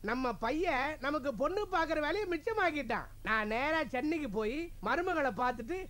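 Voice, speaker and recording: A man's voice: very high voice, expressive, a little fast. An actor playing a frightened husband and father in a comedy film, whining and cracking jokes in a panic. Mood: joking. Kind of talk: Tamil film comedy acting. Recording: film audio with loud music.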